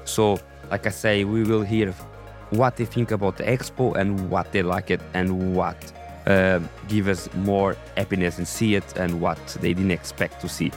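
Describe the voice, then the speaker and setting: A man with a raspy voice and non-native English, hosting a podcast in a scripted narration style. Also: deep voice, flat delivery, moderate pace, soft background music. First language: not English. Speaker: podcast host.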